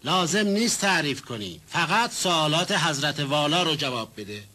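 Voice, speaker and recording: An actor playing a calm, polite man who smooths over quarrels. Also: a little high, exaggerated voice. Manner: soothing, apologetic. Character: calm, polite male family mediator.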